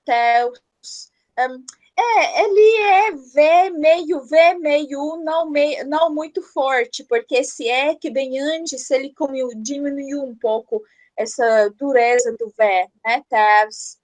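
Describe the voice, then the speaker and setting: High-voiced slow careful woman teacher. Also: darkish tone. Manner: slow, careful word-by-word pronunciation; explains patiently, checks with "né?". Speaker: language teacher. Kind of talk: online language lesson.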